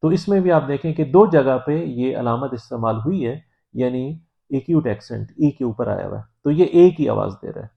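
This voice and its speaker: Guy from pakistan teaching a language lesson, patient, lots of uh pauses, kinda muffled lo-fi audio. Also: medium pitch, lively intonation, vocal fry. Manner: measured, patient, with frequent hesitant "uh" pauses. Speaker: French teacher. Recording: dull lo-fi recording.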